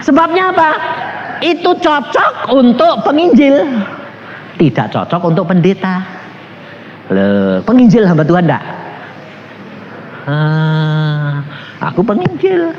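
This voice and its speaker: Male evangelist with a Javanese-accented Indonesian voice, high and extremely lively, humorous in the pulpit, on a muffled recording. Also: unhurried, pauses often. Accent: Javanese-influenced Indonesian. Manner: animated and joking, with frequent laughter and rhetorical questions. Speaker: evangelist preacher. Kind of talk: sermon with humorous personal anecdotes. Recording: slightly dull with faint background hiss.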